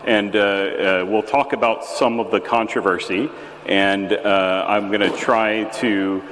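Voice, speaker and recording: An American conference presenter in his fifties gives a relaxed talk in a big, booming voice, a little slow and packed with fillers and restarts. He's in a large, echoey tent at a festival, so the recording is reverberant with faint ambience.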